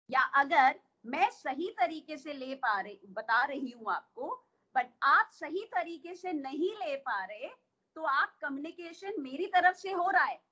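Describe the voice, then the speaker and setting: Indian lady coach explaining stuff in an online class, high bright voice, kinda dull lo-fi sound. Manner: explains patiently with many questions to listeners. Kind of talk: online workshop lesson.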